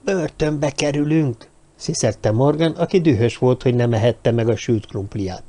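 A man narrating an audiobook in an even, measured reading voice. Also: mid-range voice.

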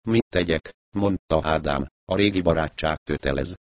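A man voicing a weary, polite man who answers in a dry, measured way. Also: extremely low pitch, dry recording. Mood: dry, reserved.

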